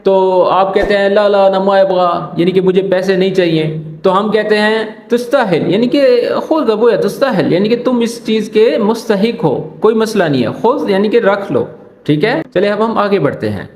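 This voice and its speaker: A man's voice: high-pitched, darkish tone, slight background noise. Chatty male Arabic tutor, echoey room. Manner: repeats phrases slowly, asks "ٹھیک ہے نا?" often. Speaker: Arabic teacher. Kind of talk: casual language lesson explaining drama lines.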